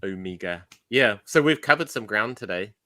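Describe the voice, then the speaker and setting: A man's voice: lowish voice, expressive, normal speed, sharp tone, no room sound. Jokey middle-aged New Zealand man. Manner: joking, chatty. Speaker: livestream host. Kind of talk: casual chat.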